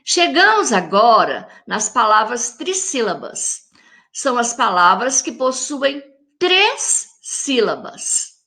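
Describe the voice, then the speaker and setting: Slow, bright-voiced woman teacher. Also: a little high, sing-song. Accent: Brazilian Portuguese. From Brazil. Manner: slow, drawn-out syllables when saying example words; addresses young pupils directly, friendly teacher tone. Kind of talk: recorded classroom lesson for children.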